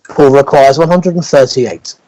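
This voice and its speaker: A man's voice: mid-range voice, moderate pace, mellow, a little hiss or hum, poor audio. A middle-aged man working as referee and score caller in a darts match, announcing legs and required scores. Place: indoors on a video call.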